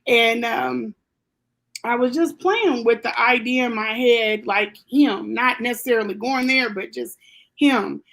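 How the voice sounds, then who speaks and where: A woman's voice: on the high side, unhurried, creaky, fairly bright tone. A woman who grew up in Germany, telling a personal story as an interview guest, rambling with many fillers and restarts.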